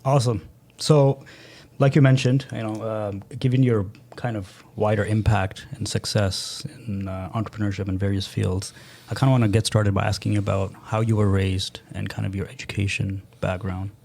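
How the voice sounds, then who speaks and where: A man's voice: on the low side, flat delivery, moderate pace, creaky, few pauses, a little mellow. A man hosting a podcast, asking casual questions with a lot of hedging and fillers. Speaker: podcast host.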